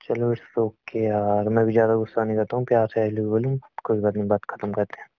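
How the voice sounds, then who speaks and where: A man's voice: on the low side, level tone, fairly quick, no echo, lightly acted. A young man playing a frustrated boyfriend who tries to reason with his girlfriend on a phone call in a scripted drama. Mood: placating. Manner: exasperated, pleading, reasoning. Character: frustrated young boyfriend, defensive but trying to stay calm. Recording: dull, dry lo-fi recording.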